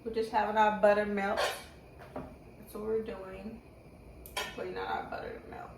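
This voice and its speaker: In her home kitchen, a woman with braces talks through a relaxed cooking demo at normal speed, her mid-range voice level in tone as she muses aloud. She's a cooking vlogger, captured by a far-off mic in a roomy space with slight background noise.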